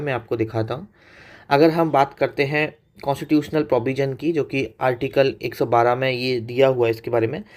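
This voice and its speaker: A male teacher giving an exam-prep economics lecture, with a voice of middling pitch. He keeps putting questions to the students and checks in with them often. Key facts are repeated so they stick. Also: darkish tone. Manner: explains with questions to students, mixes English terms into Hindi.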